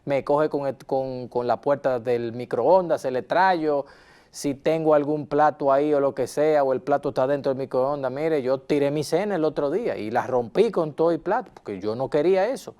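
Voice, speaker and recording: A man's voice: mid-range voice, moderate pace, mellow, lightly acted. A man playing a hot-tempered husband in a role-played counseling session, insistent and repeating himself as he talks to his counselor. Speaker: counseling client.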